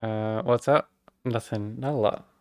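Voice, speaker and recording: A man's voice: mid-range voice, a little slow, no echo, clean studio sound. A man with an Australian accent, a streamer chatting casually and rambling as he walks through his setup while working on it. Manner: rambling, self-deprecating, talks while working. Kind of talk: casual live-stream tech walkthrough.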